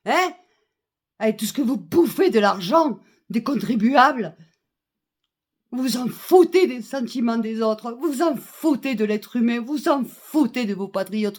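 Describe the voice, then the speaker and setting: Angry woman ranting, slow and high. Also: darkish tone. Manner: indignant, swearing, repeating herself. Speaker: citizen speaking out. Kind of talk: angry political rant.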